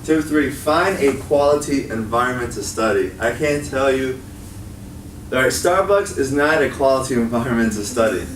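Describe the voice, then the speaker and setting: With lively intonation and a mid-range voice at normal speed, a young man with a Chicago accent talks casually to college students as a guest speaker, regularly asking "right?". He's in a college meeting room, and the sound is noisy, echoey, and distant.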